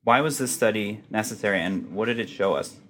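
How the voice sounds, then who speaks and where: A man interviewing a doctor, a medical fellow asking brisk, friendly questions. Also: on the low side, a bit bright.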